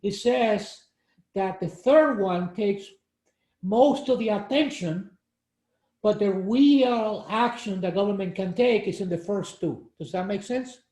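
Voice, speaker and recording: Explaining an article to a group on a video call, a man in his sixties born in Cuba keeps things casual, with lots of fillers and restarts. He speaks slowly in a high, warm voice, and the sound is reverberant.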